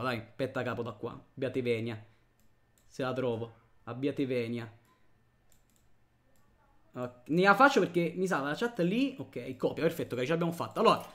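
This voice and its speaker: A man's voice: on the high side, expressive, fast talker, a bit bright. A man streaming live at his computer, thanking viewers one by one and chatting as he plays.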